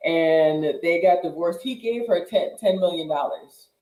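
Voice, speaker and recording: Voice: mid-range voice, a little slow, mellow, echoey room, low-quality recording. A host leading a casual group conversation by posing long hypothetical questions to the guests. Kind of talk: casual chat, hosting a panel.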